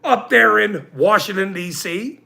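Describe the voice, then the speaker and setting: On his livestream, a gravelly-voiced host in his forties goes on an angry, profane rant with loud outbursts and laughs at his own expense. He speaks a little slowly, in a high-pitched voice with lively intonation.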